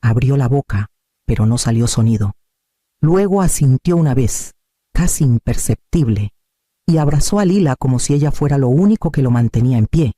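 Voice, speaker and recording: A man, calmly narrating a scripted first-person story. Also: medium pitch, dry recording, studio quality. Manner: calm, measured storytelling.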